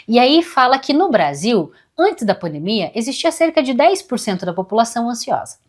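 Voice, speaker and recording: A woman presenting an upbeat scripted sales pitch. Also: big pitch swings, moderate pace.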